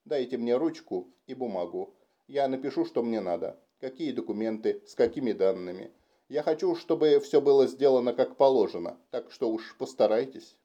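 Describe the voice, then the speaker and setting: A man's voice: medium pitch, animated, moderate pace, warm tone, highs cut off, lightly acted. A man voicing a proud, curt forty-two-year-old famous entertainer in an audiobook reading. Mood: businesslike. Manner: curt, businesslike.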